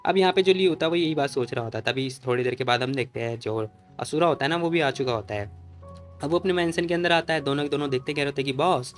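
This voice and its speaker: Fast-talking male comic recap narrator. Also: fairly high pitch, soft background music. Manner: rapid, chatty retelling.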